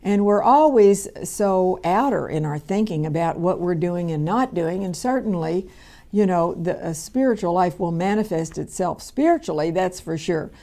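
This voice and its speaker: A woman's voice: lowish voice, expressive, moderate pace, mellow. A woman, giving a conversational radio Bible teaching that rambles along with many fillers and restarts. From Kentucky, USA. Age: 70s.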